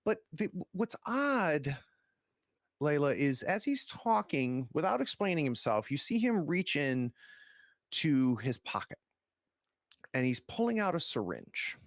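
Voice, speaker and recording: A man's voice: a little high, big pitch swings, a little slow, dry recording, clean studio sound. A man hosting a tabletop roleplaying game as game master, narrating and explaining in a casual, conversational way.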